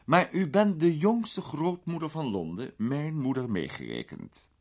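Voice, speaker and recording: A man voicing a flattering, playful young aristocrat in a storybook reading. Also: on the high side, a little slow, voice pushed up, heavily acted. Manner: flattering, teasing.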